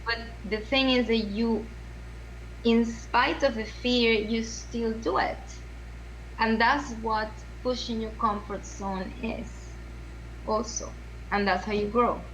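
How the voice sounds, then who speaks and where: In a rough recording with some hiss or hum, a woman with a fairly high, steady, somewhat bright voice talks slowly as a podcast interview guest. She's from Venezuela, has a Venezuelan Spanish accent, and speaks earnestly, circling back and restarting phrases while she searches for words.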